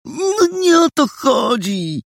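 A man voicing an excitable, breathless boy detective who shouts his news. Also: a little high, unhurried, slightly rough, no echo, studio quality, pitched above the performer's own voice, exaggerated voice. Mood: excited.

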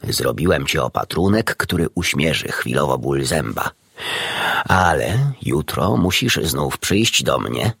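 Man voicing a calm, kindly animal doctor. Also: rumbling low, measured pace, vocal fry, husky, dry recording, studio quality, pitched below the performer's own voice, exaggerated voice. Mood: reassuring. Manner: calm, reassuring, gentle. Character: kindly, unflappable old country doctor.

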